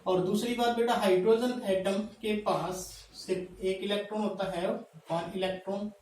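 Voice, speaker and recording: A male teacher giving a classroom chemistry lecture. He addresses students as "beta" and keeps checking in with "thik hai", slowing down to dictate terms. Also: high voice, steady tone, darkish tone. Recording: echoey room, mic at a distance.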